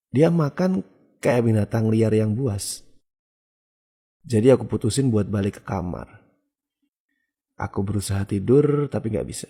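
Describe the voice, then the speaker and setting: A man with a low, dark, husky voice tells a first-person horror story. His delivery is casual and conversational, like confiding to a friend.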